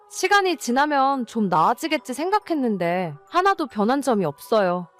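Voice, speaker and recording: A woman playing an exasperated, nagging wife in a scripted dramatized story. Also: fairly high pitch. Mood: weary, fed up. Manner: nagging, scolding. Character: exasperated, scolding wife of an irresponsible husband. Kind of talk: scripted story narration and dialogue.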